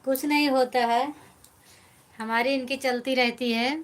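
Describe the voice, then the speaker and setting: A fairly high-voiced woman with an Awadhi accent hosts a casual live stream. She talks in a chatty, friendly way, reading viewers' comments aloud and teasing them as she answers. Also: fairly even intonation, unhurried.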